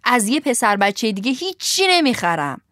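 A woman's voice: on the high side, very animated, a bit bright, no echo, studio quality. A woman voicing a sensible young boy who answers in a wry, mocking way.

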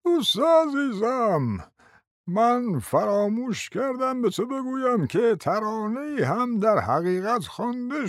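A high, creaky, doddering old prince. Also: male voice, no room sound, clean studio sound. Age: older. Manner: stammering, repeats "yes, well" fillers. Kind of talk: radio play acting.

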